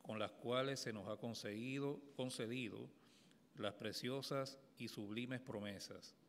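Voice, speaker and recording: A man's voice: mid-range voice, steady tone, measured pace. A middle-aged man reading scripture formally as a lay reader, stumbling now and then. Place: church lectern, indoors. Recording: reverberant church hall, faint background noise.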